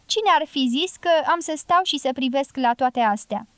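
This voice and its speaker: Woman voicing a loud, blunt guerrilla matriarch. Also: sits high, lively intonation, no room sound. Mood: forceful. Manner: forceful, domineering, declaring. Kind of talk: audiobook character voice.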